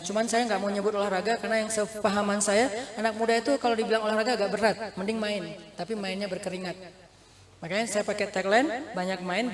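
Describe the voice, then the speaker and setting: A man giving a casual sermon, telling stories with lively acted-out quotes and jokes. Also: high-pitched. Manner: lively storytelling, acting out quoted voices, joking. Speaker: preacher. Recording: roomy hall reverb.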